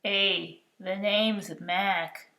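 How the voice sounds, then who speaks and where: A woman's voice: mid-range voice, fairly even intonation, pushed and bright, reverberant, far from the mic, heavily acted. A woman doing a slurping scruffy monster. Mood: casual. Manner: slurping, slow, tries to sound scary. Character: big scruffy slobbering boy monster.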